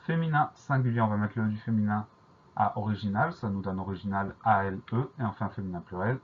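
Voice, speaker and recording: Man, middle pitch, husky, patient spelling teacher, dull lo-fi recording. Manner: slow, careful, repeats each spelling. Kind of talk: dictation lesson, spelling words letter by letter.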